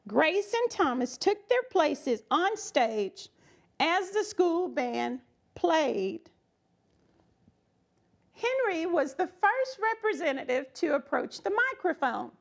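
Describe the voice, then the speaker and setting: This high-pitched woman's voice swings widely in pitch and has a gravelly edge. She reads a children's story expressively, leaning on emphasis and dramatic pauses while chatting in asides to the kids listening.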